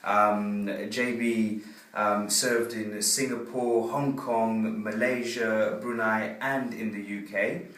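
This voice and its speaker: A male radio presenter interviews a guest in a friendly, rambling way, filling his pauses with ums. His voice sits a little low. He sounds distant from the mic in a reverberant room. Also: flat delivery, fairly bright tone. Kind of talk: interview hosting.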